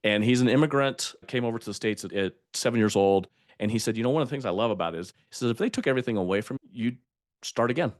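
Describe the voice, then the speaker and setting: A man's voice: mid-range voice, quick pace, no room sound, studio quality. An older man speaking as a podcast guest, telling stories in an emphatic way and laughing at himself. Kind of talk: conversational interview.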